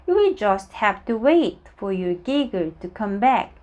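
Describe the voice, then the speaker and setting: Woman doing a calm, matter-of-fact storybook doctor. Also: medium pitch, unhurried.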